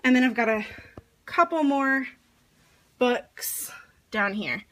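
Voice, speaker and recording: A woman's voice: high voice, lively intonation, slow, a bit bright. A young woman chatting casually while giving a home tour for her vlog, with plenty of fillers and a rambling way of talking. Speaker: vlogger.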